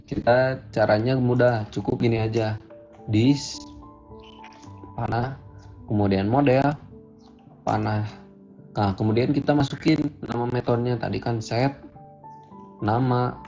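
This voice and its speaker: Speaking a little slowly and pausing often, a man with a mellow, mid-range voice and fairly even intonation walks through a programming lesson on a screen recording. He's casual, thinking aloud as he codes. The audio is dull and lo-fi, with faint music.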